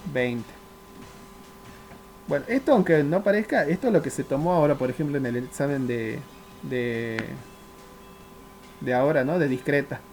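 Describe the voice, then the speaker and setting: A man with a slightly high, somewhat mellow voice gives a math lecture to his class, with a faint hiss or hum in the background. He goes through the problem step by step, often checking whether students are following, and poses questions he then answers himself.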